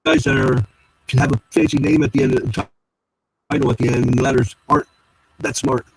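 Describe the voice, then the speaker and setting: A man's voice: mid-range voice, huge pitch swings, quick pace, vocal fry, breathy edge, poor audio. A man talking casually as a guest researcher, heard over an online group voice chat that keeps breaking up, easygoing and rambling.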